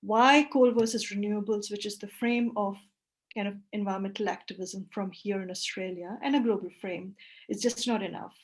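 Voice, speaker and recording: Woman from India giving a workshop talk. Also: medium pitch. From West Bengal, India. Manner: thoughtful, with fillers and self-corrections. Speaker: workshop presenter. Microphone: video call.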